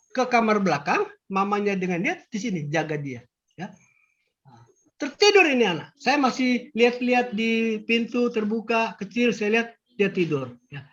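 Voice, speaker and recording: An older man, a grandfather giving an emphatic, animated testimony to an audience. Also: high voice. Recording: dull lo-fi recording.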